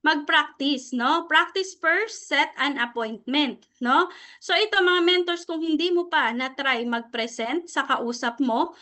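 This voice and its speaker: A middle-aged Filipino woman leads a presentation-skills seminar for a sales team at a measured pace, her high voice bright and forceful. She speaks Taglish, switching freely between the two languages, and checks with listeners after nearly every phrase.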